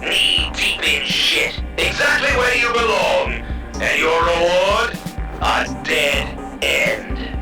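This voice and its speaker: Gravelly, gloating cartoon villain. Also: male voice, high voice, expressive, heavily acted. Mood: gloating, sneering. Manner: theatrical, sneering, drawn-out delivery. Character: evil mustache-twirling cartoon villain, a gloating mad doctor. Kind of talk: video game villain voice acting. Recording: echoey, distant, under loud game music.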